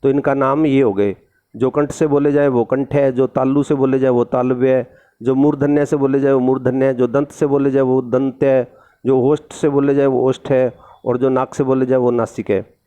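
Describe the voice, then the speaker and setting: Mellow-voiced Hindi teacher explaining grammar. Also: male voice, medium pitch, little pitch movement, normal speed, smooth, highs cut off. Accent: Rajasthani Hindi. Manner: reads a textbook line, then explains it in plain everyday words. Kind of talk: recorded grammar lesson.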